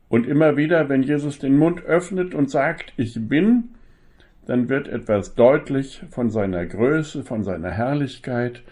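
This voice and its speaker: A male preacher delivers a sermon in a slow, deliberate rhythm. His voice sits at an ordinary middle pitch. He leans on key phrases and poses rhetorical questions to the congregation. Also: warm tone.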